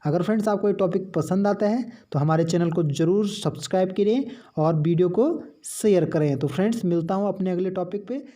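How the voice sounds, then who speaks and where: A man with a soft, mellow voice teaches an exam-prep grammar lesson. He poses a question to his listeners, answers it himself, then repeats the key term. He calls his listeners friends again and again. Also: high voice, a little fast. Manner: keeps addressing listeners as friends.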